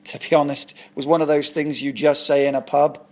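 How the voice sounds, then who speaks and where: A man voicing Martin, a blunt, deadpan unemployed Englishman who sells tat online, in a comic audio story. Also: a little high, fairly quick, lightly acted.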